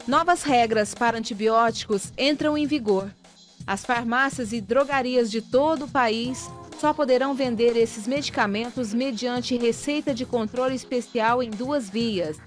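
A woman reading a scripted lesson for pharmacy assistants in a steady, even way. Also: on the high side. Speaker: course narrator. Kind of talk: scripted instructional narration.

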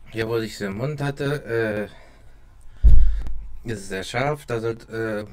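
Halting man, mouth burning from spicy food. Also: mid-range voice. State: mouth watering and burning from chili. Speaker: vlogger doing a hot chili taste test. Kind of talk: casual talk to camera. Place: small dim room at home. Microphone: close desk microphone with pop filter.

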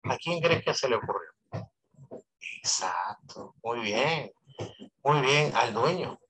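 A man's voice: mid-range voice, expressive, slow pace, fairly bright tone, low-quality recording. A man teaching an online economics class, speaking through a voice amplifier, who keeps asking his students questions and repeating his points for emphasis. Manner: asks students constant rhetorical questions.

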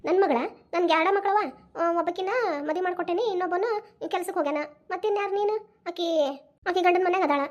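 A woman's voice: very high-pitched, fairly even intonation, quick pace, highs cut off. A woman voicing a stern North Karnataka village mother. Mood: scolding. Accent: North Karnataka Kannada. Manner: scolding, lecturing. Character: stern old village mother, bitter and unforgiving. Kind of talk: cartoon voice acting.

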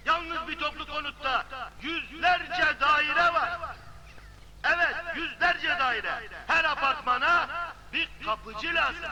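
A self-important village official in a film comedy, orating floridly at an extremely high pitch. Clear crowd commotion sits behind the old soundtrack. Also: male voice, poor audio. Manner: pompous, oratorical. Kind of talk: florid village public address speech.

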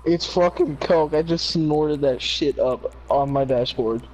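A young man in casual gaming chat, excitable and urgent, swearing as he role-plays online. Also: fairly high pitch, unhurried, lo-fi sound. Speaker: player in online role-play game.

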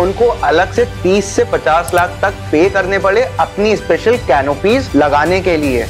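Young male host, brisk scripted storyteller, higher voice, music bed underneath. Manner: brisk storytelling, English words mixed in. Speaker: explainer video host. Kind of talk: scripted explainer narration. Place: indoor studio, plain backdrop. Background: background music.

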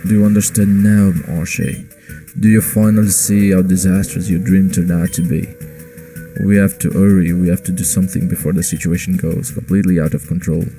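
Man reading a stern gang leader, low voice, flat delivery. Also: brisk, soft background music. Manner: flat read-aloud of game dialogue.

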